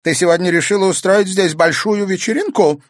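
A man's voice: lively intonation, unhurried, fairly bright tone, no echo, clean studio sound. A man voicing a spiteful, scheming old grandmother who hisses and scolds in a storybook reading. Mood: scolding. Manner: shrill, hissing, scornful.

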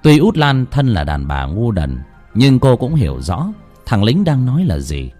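A man's voice: medium pitch, wildly swooping pitch, moderate pace, dark tone, faint music behind. A man narrating a horror story with dramatic, emotive storytelling.

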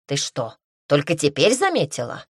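A woman reads as a sardonic woman from a storybook, snorting and scoffing at her companions' fuss. Her voice is pitched low and the read is dry and close. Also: wildly swooping pitch, normal speed, husky, no echo, full character voice. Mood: mocking. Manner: scolding, snorting, mocking.

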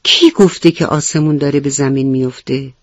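A woman's voice: extremely low pitch, steady tone, dry recording, highs cut off. A woman voicing a big commanding lion who questions the other animals sternly.

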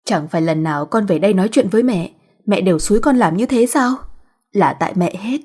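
A woman voicing a bitter grown daughter who shouts back accusingly, in a husky voice. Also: mid-range voice, animated, fairly quick.

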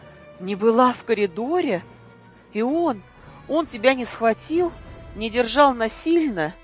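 A reader voicing a furious young boy who defies his mother, with a shouting, indignant voice that breaks. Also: mid-range voice, big pitch swings, unhurried, soft background music, voice pushed up.

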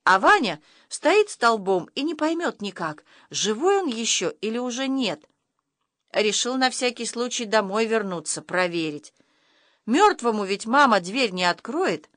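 A woman narrates a children's horror-comedy story with lively, dramatic expression. Her pitch moves freely up and down. The sound is close and dry, with no room around it. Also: measured pace, dry recording. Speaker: audiobook narrator.

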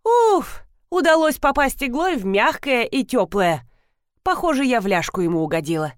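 A woman voicing a bustling, cheerful older mother-in-law in an audiobook, her voice jumping high when excited. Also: normal speed, no echo, studio quality.

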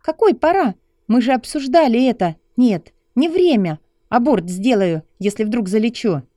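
An indignant young woman snaps and lectures in a high, raised voice, as a male reader puts her on. Her tone is sharp and scolding, set close and dry in an audiobook reading with a darker, mellow grain underneath. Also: expressive, moderate pace, dry recording. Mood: furious. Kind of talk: audiobook character voice.

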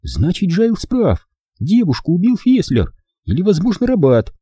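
A man's voice: very animated, measured pace, mellow, breathy edge, no room sound, studio quality, heavily acted. A man voicing a fiery, sarcastic young woman who bursts out in indignant lines. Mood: triumphant. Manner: shrill, indignant outbursts.

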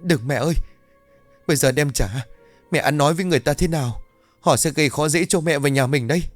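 A scared young daughter from an audio ghost story, her voice pushed high and pleading, choked with fear, as a male narrator puts her on. The sound is dry with faint music. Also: fast, no room sound, close to an everyday voice. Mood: terrified. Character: frightened young daughter, guilty and tearful.

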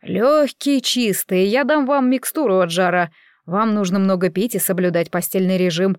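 Женщина играет неторопливого седого доктора. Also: female voice, mid-range voice, clean tone, no echo, clean studio sound, close to an everyday voice. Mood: businesslike. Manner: measured, matter-of-fact clinical instructions. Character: grey-haired older male doctor, methodical and calm.

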